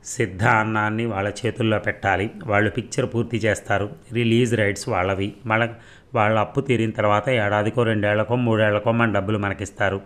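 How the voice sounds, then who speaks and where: A man voicing a scheming, smooth-talking business partner who mocks the people he has cheated, in a cool, unhurried manner. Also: on the low side, level tone, fairly bright tone, natural voice. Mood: mocking.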